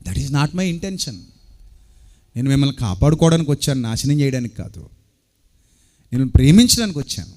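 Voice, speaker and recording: A man voicing Jesus as a calm, authoritative man who speaks with restraint in a sermon. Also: mid-range voice, normal speed, long pauses, pitched below the performer's own voice, lightly acted. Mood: firm, earnest.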